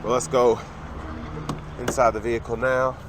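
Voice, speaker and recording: A man's voice: medium pitch, flat delivery, normal speed, noisy background. A young man, getting over a cold, casually walking around a car and pointing out its features. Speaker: car reviewer. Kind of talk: walkaround car review narration. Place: in and around a parked car outdoors.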